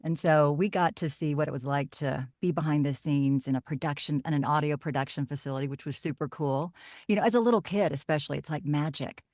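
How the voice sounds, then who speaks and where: Middle-aged woman from Oklahoma, voiceover pro, low warm-toned chat, dry mic. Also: fast, dry recording. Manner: chatty storyteller, animated asides. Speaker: voiceover artist guest. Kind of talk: casual podcast chat.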